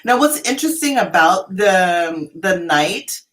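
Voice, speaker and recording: A woman's voice: lowish voice, expressive, measured pace, fairly bright tone, low-quality recording. A woman in her fifties giving a live tarot reading, explaining the cards in a chatty, rambling way with everyday examples and frequent restarts. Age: 50s. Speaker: tarot reader.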